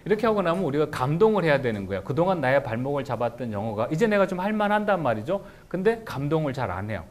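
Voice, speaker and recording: Animated man lecturing teachers. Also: a little high. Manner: animated, shouts example phrases, slows down for English sentences.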